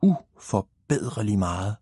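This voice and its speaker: Brief: man reading as a wide-eyed storybook boy, husky and dark, bursting with excitement. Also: on the low side, no room sound, clean studio sound. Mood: eager. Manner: eager, exclaiming. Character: excited little boy, eager and curious.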